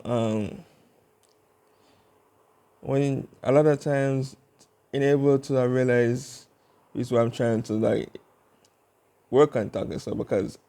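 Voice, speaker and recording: A young man vlogging alone to his channel, his voice dark and mellow with a gravelly rasp at the edges. He rambles through fillers and restarts. He tries to keep his pace slow and deliberate. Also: medium pitch. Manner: working to speak slowly and deliberately. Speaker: YouTube vlogger. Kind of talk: casual vlog monologue.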